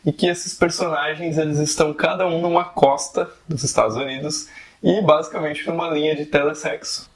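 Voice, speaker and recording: A man giving a casual, conversational video lesson on fiction writing, often tagging questions onto his sentences. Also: mid-range voice. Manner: conversational, frequent tag questions. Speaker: writing teacher.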